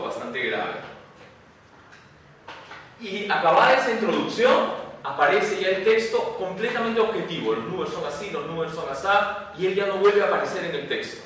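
Lecturer, male, slightly high voice, heard from afar in a roomy classroom. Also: fairly bright tone, a little hiss or hum. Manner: conversational, rhetorical tag questions. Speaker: university lecturer. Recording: echoey room, distant mic.

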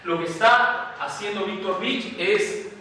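A man's voice: high-pitched, measured pace, sharp tone, slight background noise. A man giving a university lecture in a conversational way, often tagging questions to his students. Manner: conversational, rhetorical tag questions. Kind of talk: classroom lecture. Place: classroom. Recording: echoey room, distant mic.

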